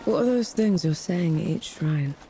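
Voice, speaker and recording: A woman's voice: lowish voice, lively intonation, normal speed, over music. A woman voicing a tough young woman soldier who talks in a blunt, plain-spoken and wry way. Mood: somber.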